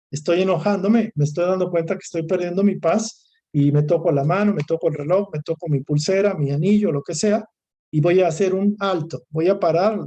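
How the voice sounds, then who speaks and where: A man with a Mexican Spanish accent lectures through a course session, piling up lists of near-synonyms and restarting his phrases. His voice sits a little high for a man and has a mellow, soft-edged tone. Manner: discursive, repeats and lists words, restarts phrases. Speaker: course instructor.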